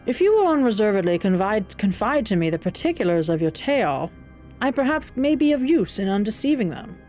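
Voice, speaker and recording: In an audiobook, a woman voices a kindly, courteous blind old man with a Southern US accent, sounding earnest, reassuring, and formal. Her medium-pitched voice swings widely in pitch, runs a little fast, has a darkish tone, and is lightly acted over soft background music.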